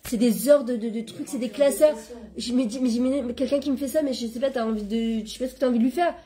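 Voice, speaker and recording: A middle-aged woman giving an informal religious lesson, talking in a lively, conversational way and dropping Hebrew terms into her French. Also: on the high side, quick pace. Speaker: Torah class teacher and coach.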